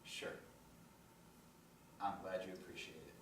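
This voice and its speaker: A man's voice: unhurried, background noise, lightly acted. A man playing a doting, goofy young boyfriend in a live stage play, heard in an echoey room from a distant mic.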